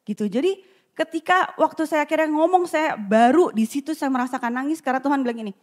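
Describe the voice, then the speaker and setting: A woman giving a candid, animated personal testimony at the front of a church, with self-deprecating humor. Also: high voice, quick pace.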